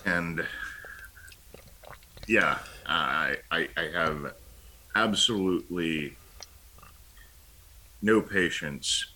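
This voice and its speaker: A man with a very deep, husky voice co-hosts a political talk show. He speaks slowly and haltingly, with wry asides and frequent ums as he gathers his thoughts. It has the loose feel of casual commentary. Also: sharp tone.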